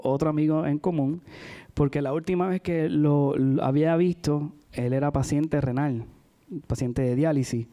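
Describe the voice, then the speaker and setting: Mellow-voiced preacher. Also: male voice, fairly high pitch. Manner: chatty, frequent "¿verdad?" asides, addresses the congregation. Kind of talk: sermon with personal stories. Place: church.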